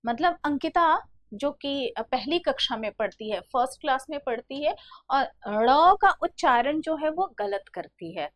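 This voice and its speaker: A woman's voice: high voice, expressive, unhurried, no room sound. A middle-aged woman teacher explaining Hindi exam topics step by step, calling her students "beta". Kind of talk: exam-prep Hindi lesson.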